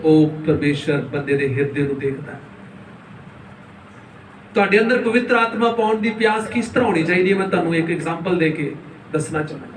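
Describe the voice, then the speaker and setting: A man's voice: on the high side, a little fast, a little hiss or hum. A male pastor preaching a sermon, calling out for the congregation to answer with hallelujah and firing questions at them. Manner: call-and-response, keeps urging the congregation to say hallelujah louder; preaches with questions to the crowd and acted-out examples. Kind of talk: Pentecostal sermon. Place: large church hall. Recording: echoey church hall, mic at a distance.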